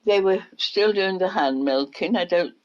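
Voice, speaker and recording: An older woman, reminiscing in an oral history interview as an unhurried storyteller. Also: medium pitch. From England. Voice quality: unhurried storyteller, acts out quotes. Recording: dull lo-fi recording.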